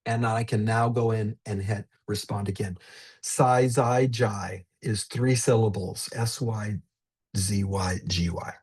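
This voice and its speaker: A man's voice: mid-range voice, a little mellow, breathy edge. A man leading a live online teacher training, demonstrating a tool in an upbeat, chatty way and addressing attendees by name over a video call. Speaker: workshop presenter.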